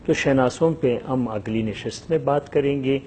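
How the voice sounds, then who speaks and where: A man teaching a language lesson, stretching out example sentences slowly and repeating each one with several translations. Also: mid-range voice, a little mellow. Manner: slow, drawn-out modelling of example sentences.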